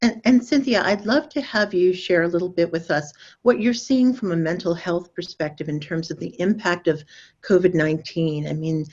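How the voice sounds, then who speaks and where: A woman moderates an online webinar with a somewhat low voice. She praises the guests effusively and eases gently into her questions. Her audio sounds dull and lo-fi. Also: moderate pace.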